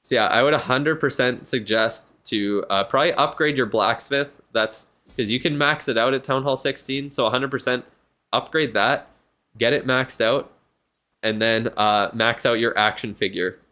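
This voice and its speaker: At normal speed and in a medium-pitched, pushed, bright voice, a weary man yawns through a live stream. He offers casual, rambling remarks on a viewer's game account, thinking aloud and leaning heavily on fillers.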